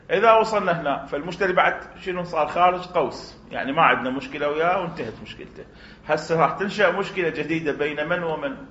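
A man with an Iraqi accent teaching a jurisprudence class, animated, firing off rhetorical questions and acting out short exchanges. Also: mid-range voice, a little hiss or hum. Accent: Iraqi Arabic. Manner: animated, fast, poses rhetorical questions and acts out dialogues. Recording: roomy, dull recording.

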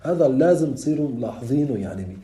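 A man teaching a lesson, explaining a classical text step by step, repeating his points and pausing on drawn-out fillers. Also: medium pitch, animated, warm tone, echoey room. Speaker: teacher of theology.

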